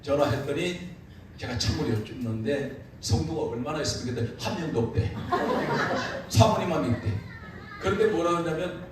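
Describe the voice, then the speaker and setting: Man, revival preacher, humorous sermon, laughing storyteller, very echoey church, audible room hum. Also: mid-range voice. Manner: animated, laughing through his anecdotes. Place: church sanctuary. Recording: echoey church hall, distant mic, room noise.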